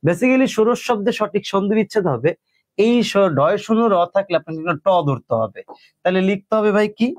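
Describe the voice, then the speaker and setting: Young bangladeshi guy teaching an exam class online, fairly high voice, dry close mic, keeps saying bhai and walks through each step. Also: animated, fairly quick, no room sound. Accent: Bangladeshi Bengali, colloquial. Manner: explains step by step, reads out student names, calls listeners "bhai".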